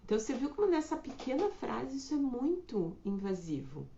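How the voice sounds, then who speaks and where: A woman giving a reflective live talk in a relaxed, explanatory way. Her voice is slightly hoarse. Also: brisk. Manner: reflective, acts out quoted remarks in a higher voice. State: slightly hoarse, clearing throat. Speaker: host of a live talk on communication. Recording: echoey room, slightly dull sound.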